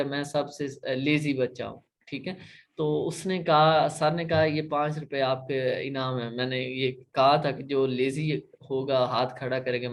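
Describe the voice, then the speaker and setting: Pakistani man teaching online over a laptop, raised pitch with a gravelly edge, patient and repetitive explainer. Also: slight background noise. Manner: explains patiently, repeats points, checks in often. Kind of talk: online class lecture.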